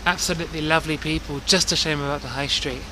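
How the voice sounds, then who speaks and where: Amid loud street and vehicle noise, a male bus travel vlogger talks fast in a fairly high voice with fairly even intonation. He narrates his casual vlog from buses and town streets, sounding chatty, warm-hearted, and reflective.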